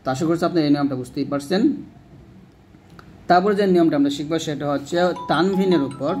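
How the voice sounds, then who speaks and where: A man explains the rules of Quran recitation patiently and step by step. He pauses to recite each example word slowly, stretching the sounds out. His voice sits a little higher than most men's. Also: darkish tone, soft background music.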